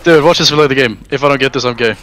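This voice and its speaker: A young man in an online shooter session, trash-talking his friends, mock-rating their plays and yelling when the action heats up. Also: mid-range voice, very fast. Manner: loud trash talk, mock-scores plays, bursts of yelling. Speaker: gamer in voice chat. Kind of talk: casual crude gaming banter. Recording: game music behind the voice.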